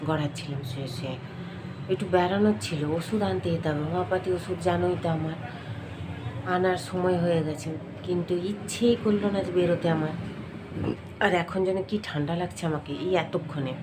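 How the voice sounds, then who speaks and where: Middle-aged woman, home vlog, chatty, slightly hoarse from a cold, background noise. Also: fairly low pitch. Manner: chatty, addresses viewers directly, rambling. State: has a cold, throat getting hoarse. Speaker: vlogger. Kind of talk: casual daily-life vlog chat.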